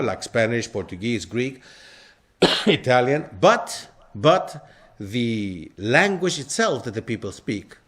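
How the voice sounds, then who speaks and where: Man lecturing and quizzing his audience. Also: mid-range voice. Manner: quizzes the audience with frequent questions. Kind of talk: interactive lecture to a live audience. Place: lecture hall.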